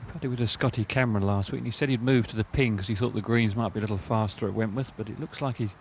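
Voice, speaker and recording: A man's voice: on the low side, steady tone, fast talker, a little mellow. A man giving conversational golf commentary as a co-commentator, with chatty, anecdotal asides. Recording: clear outdoor course noise behind voice.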